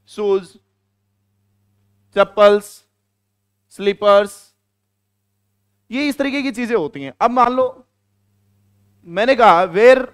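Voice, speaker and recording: Playful, high-voiced man teaching grammar. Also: clear, resonant tone, no echo, clean studio sound. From India. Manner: playful, joking asides to students; repeats key words, quizzes the class. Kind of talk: classroom grammar lecture.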